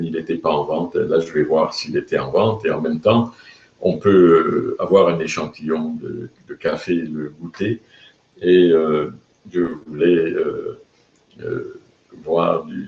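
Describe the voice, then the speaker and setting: Older French-born man as a live-stream host, halting and filler-heavy, in a roomy, dull-sounding recording. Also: low voice, darkish tone. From France. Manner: hesitant, many fillers and restarts. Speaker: video blog host. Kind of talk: casual storytelling to camera.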